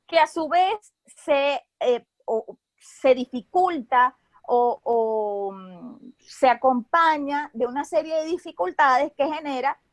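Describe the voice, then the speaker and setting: A woman speaks in a noticeably high voice with a Venezuelan Caribbean Spanish accent, recorded dry and close. Her delivery is didactic and semi-formal, like an expert explaining a subject, with short tag questions to check that listeners follow. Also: animated, slow, dry recording.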